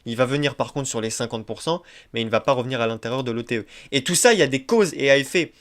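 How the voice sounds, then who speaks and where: A trading instructor teaches through a screen-share tutorial, his mid-range, slightly bright voice expressive and fast. He speaks emphatically and repetitively, hammering key points and peppering his talk with tics like "ok?" and "hop".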